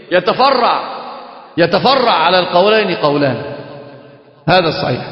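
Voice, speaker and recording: A man with an Egyptian Arabic accent teaches an Islamic lesson. He asks his audience questions, answers them himself, and often repeats words as he restarts. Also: high voice. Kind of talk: recorded religious lecture. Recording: echoey hall, dull lo-fi sound.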